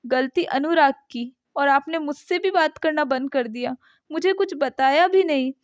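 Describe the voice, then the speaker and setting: A woman's voice: sits high, normal speed, no room sound, voice pushed up, natural voice. A woman voicing a caring young wife who is emotional and concerned for her family. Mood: hurt. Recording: dull dry lo-fi sound.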